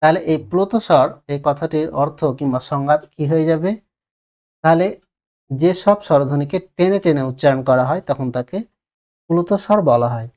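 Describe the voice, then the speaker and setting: A man's voice: on the high side, normal speed, darkish tone. Male teacher, West Bengal Bengali accent, exam-prep lesson, repeats himself, asks and answers his own questions. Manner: drags out vowels to demonstrate.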